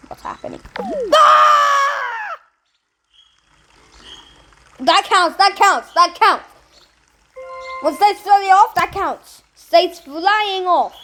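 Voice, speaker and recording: A woman's voice: very high voice, takes it slowly, a bit bright, faint music behind. A woman goofing around in a playful voice recording session, exclaiming and giggling.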